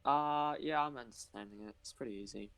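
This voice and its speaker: A man's voice: mid-range voice, brisk, creaky, a bit bright. A teenage boy, a podcast guest giving laid-back, brief answers. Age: teens. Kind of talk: casual chat.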